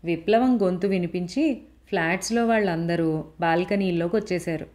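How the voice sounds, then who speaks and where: A woman narrating a story in a steady, expressive reading voice. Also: on the low side, moderate pace.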